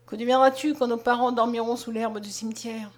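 A woman reading the part of a gentle, sorrowful blind young peasant man in an audiobook, speaking softly and low. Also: steady tone, fairly quick, natural voice. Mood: tender. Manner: soft, low and tender.

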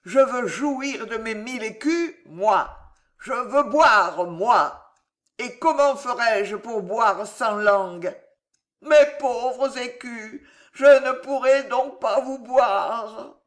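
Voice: medium pitch, a bit bright, voice pushed up. A reader voicing a drunken, greedy young nephew in a French storybook, slurring and drawing out his words. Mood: drunk, whining. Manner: slurred, drawn-out, wailing.

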